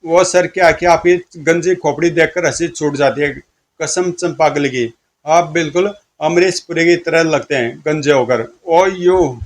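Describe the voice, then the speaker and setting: A man's voice: fairly high pitch, unhurried. Man as a giggly, bumbling prankster cop in a comic audio story, teasing tone. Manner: sniggering, teasing, cheeky. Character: mischievous bumbling police constable, giggly man.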